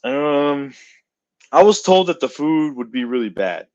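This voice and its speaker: A man giving a relaxed, upbeat check-in update as a community coordinator, talking casually with fillers over a video call. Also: a little high, unhurried, no echo, muffled recording.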